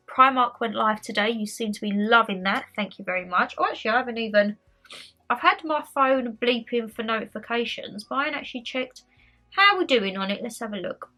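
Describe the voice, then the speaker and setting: Bunged up with a cold, this young woman talks to the camera from home in a chatty, rambling vlog, often repeating herself. Her fairly high voice comes across bright and forceful, with a slight nasal stuffiness.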